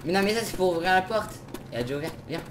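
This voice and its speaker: Excitable young man, lively swooping voice. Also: high voice, rapid-fire, a little hiss or hum. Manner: excitable, keeps urging the other player on. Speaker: co-player. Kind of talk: casual gameplay chat.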